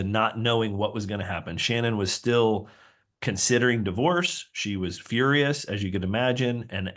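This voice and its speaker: Low-voiced pastor, earnest confession. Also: male voice. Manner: earnest and confessional, many restarts. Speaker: pastor, interview guest. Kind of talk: candid personal testimony.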